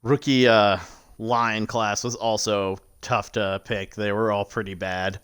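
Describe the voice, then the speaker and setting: Slow, smooth-voiced man chatting on stream. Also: fairly low pitch. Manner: relaxed, filler-heavy, laughs easily. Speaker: league show co-host. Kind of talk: casual live-stream chat about a sports sim league.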